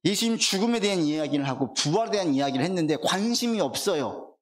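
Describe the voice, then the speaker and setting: Lively Korean pastor preaching a Sunday sermon. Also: male voice, high voice. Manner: lively preaching, asks the congregation questions and answers them; reads scripture aloud slowly. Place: church sanctuary.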